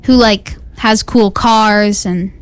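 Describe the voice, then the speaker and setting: A woman's voice: mid-range voice, fairly even intonation, slow, clean tone, dry recording, faint music behind. A female co-host chatting casually and simply on a radio show.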